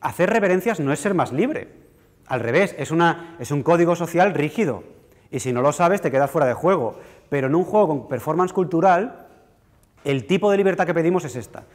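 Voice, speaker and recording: A man lecturing in a lecture hall, with a fairly high voice and a long reverb tail behind it. He talks in a conversational, self-deprecating way and keeps asking the audience if things are clear. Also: lively intonation, brisk. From Spain. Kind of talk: university lecture.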